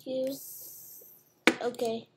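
A young girl speaks very slowly in a slightly high voice with little pitch movement. Playing a restaurant game at home, she chats playfully like a gamer, narrating each move. Faint background noise and mouse clicks are present.

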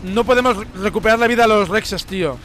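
A man from Spain streams a game in a very high, fast voice, piling on exclamations and repeating himself. His tone is bright and sharp, with faint music underneath. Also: slight background noise. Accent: Spain Spanish. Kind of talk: excited gameplay commentary.

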